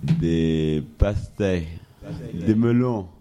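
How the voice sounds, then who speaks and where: A very deep-voiced man speaks slowly in short answers. A canyon echo effect throws each phrase back several times. His tone is dark and mellow. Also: slight background noise. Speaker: interviewee. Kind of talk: casual chat.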